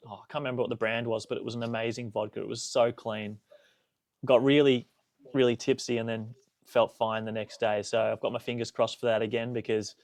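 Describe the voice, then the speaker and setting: Gravelly, laid-back man. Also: mid-range voice, a little mellow, no room sound, studio quality. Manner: laughs often, easygoing. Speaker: podcast co-host. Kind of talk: casual chat.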